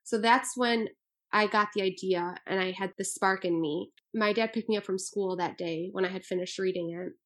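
A woman's voice: medium pitch, steady tone, normal speed, fairly bright tone. A woman in her twenties, born in Albania, speaking as an author in an earnest, thoughtful interview. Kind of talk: interview answers.

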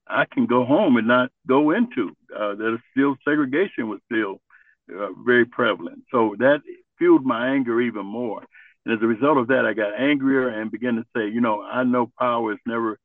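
An older man recounts his past in an earnest, halting way, often pausing to search for words. His voice sits a little low and sounds dry and close. The sound is thin and tinny, like a phone line. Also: no room sound. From Ohio, USA. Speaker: guest, Vietnam veteran. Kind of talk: reflective interview storytelling.

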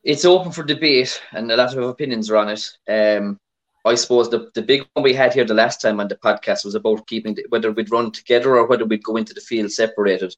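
Talking over his phone as a podcast guest, an Irish historic rally competitor keeps things casual. He speaks quickly in a fairly low voice, and the highs are cut off.

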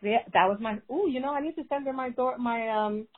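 A woman leaving a chatty, excitable voicemail over a landline phone with a friend, jumping in to finish her friend's sentences. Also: on the high side, a little fast. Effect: heard over a landline phone as a voicemail. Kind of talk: casual chat. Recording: narrow phone-line voicemail.

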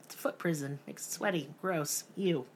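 A woman's voice: low-pitched, normal speed, a little hiss or hum. A woman hosting a casual podcast, telling a true story with profane jokes and mock voices. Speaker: podcast host.

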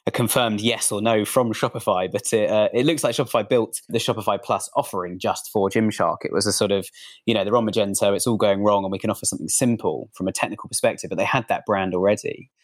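A man's voice: on the low side, fairly even intonation, fast. A man hosting a podcast, chatting casually and drawing on his own business. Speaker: podcast host.

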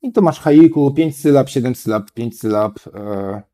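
A man's voice: mid-range voice, expressive, normal speed, mellow. A man chatting as a guest writer, talking in a hesitant, rambling way with many fillers and tag questions. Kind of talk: casual chat.

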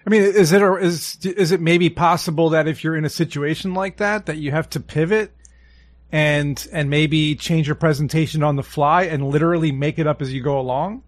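A man's voice: on the high side, moderate pace, no echo. A man hosting a podcast, asking long rambling questions with lots of "you know" and "like". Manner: chatty, rambling questions with many fillers. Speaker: podcast host. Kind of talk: casual interview chat.

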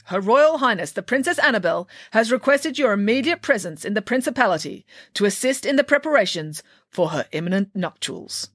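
A woman's voice: medium pitch, animated, fairly quick, hardly any pauses, a bit bright, no room sound, clean studio sound, voice pushed up. Stuffy royal herald guy, done by a lady reader, formal and puffed up. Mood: pompous. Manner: formal and pompous. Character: pompous royal herald, male.

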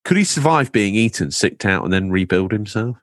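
A man's voice: fairly low pitch, animated, brisk, dry recording, studio quality. A man hosting a podcast in casual chat, reading out listener comments with playful, rambling asides. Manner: playful, rambling, theatrical emphasis. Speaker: podcast host.

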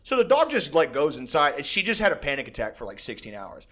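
A man's voice: a little high, huge pitch swings, fast, a crowd in the background. A young man telling a story in a casual, profane, rambling way, full of fillers and restarts and laughing often.

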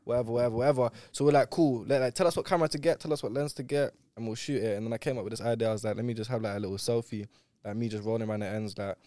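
A man's voice: mid-range voice, fairly even intonation, racing, mellow, dry recording. A young man with a London roadman accent, chatting casually and in slang as a music guest on a talk show. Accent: London, urban roadman slang style. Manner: slangy, colloquial. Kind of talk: casual chat.

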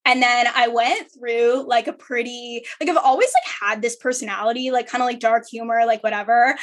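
A young woman with a fairly high voice and vocal fry, talking as a podcast guest. Her chat is casual and blunt, with swearing and plenty of "like". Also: moderate pace. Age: young adult.

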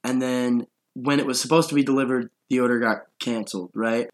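A man's voice: mid-range voice, steady tone, brisk, a little hiss or hum. Rambling young man telling a story. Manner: rambling storyteller, laughs often. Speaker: podcast host. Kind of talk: casual chat.

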